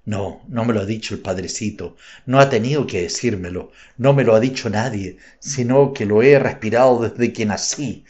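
A man's voice: lowish voice, moderate pace, hardly any pauses, darkish tone, natural voice. A male narrator voicing a resolute, devout young daughter who pleads earnestly with her father, in a slightly dull recording. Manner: earnest, insistent.

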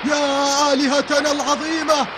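A man voicing a panicked ancient sailor on a sinking ship, talking loudly and frantically. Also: very high voice, level tone, moderate pace, noisy background. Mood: frantic. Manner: loud and frantic, then scornful.

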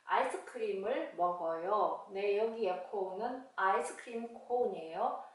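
A woman teaching a children's phonics lesson, slowly modeling and repeating English words and sentences. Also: medium pitch. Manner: slow, drawn-out modeling of English words with repetition. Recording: roomy, distant mic.

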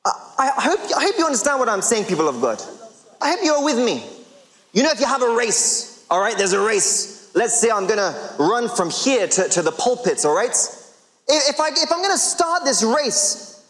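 A man in his thirties preaching a sermon to a large congregation, emphatic and full of rhetorical questions with drawn-out pauses. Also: extremely high pitch, big pitch swings, a bit bright. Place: large church hall with congregation. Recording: long reverb of a big hall.

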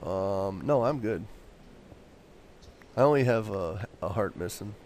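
A man, a father, chatting casually and upbeat on a voice call while leading his family through a video game, quick to joke. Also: on the low side, animated, a little mellow, a little hiss or hum. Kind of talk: casual gaming chat.

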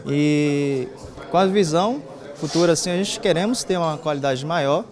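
A man's voice: a little high, normal speed, darkish tone. A young man, an agronomy student, answering an interview earnestly into a handheld mic, with fillers. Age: young adult. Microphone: handheld reporter mic. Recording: crowd chatter behind.

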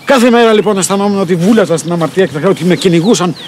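A man's voice: sits high, slight background noise, lightly acted. An actor playing a glib male playboy debtor who theatrically pretends to have found religion. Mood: mock-pious. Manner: glib, theatrical, mock-pious. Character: smooth-talking male playboy debtor feigning piety. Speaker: actor in a TV comedy series. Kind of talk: sitcom acting.

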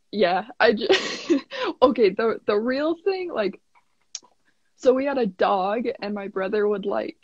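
A woman's voice: mid-range voice, dry recording, dull audio. A young woman from South Dakota, a guest in a casual interview, answering in a shy, hesitant way.

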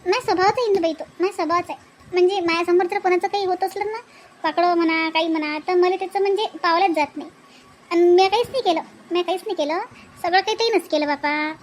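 A woman's voice: very high voice, fast, a little hiss or hum. A woman voicing a modest, talkative older village woman in a cartoon. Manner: rambling and self-justifying.

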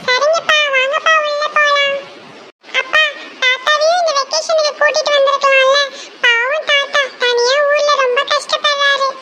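A cheerful little cartoon girl, speaking in a sweet, chirpy way. Her voice is extremely high and squeaky. It comes through loud hiss and clicks. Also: little pitch movement, moderate pace.

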